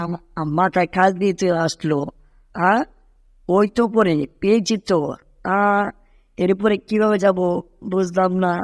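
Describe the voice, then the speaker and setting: Tom, as a man voices him: high flustered cat. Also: a little mellow, no room sound, clean studio sound, natural voice. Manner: panicky exclamations, pleading. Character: flustered cartoon cat Tom, clumsy and panicky.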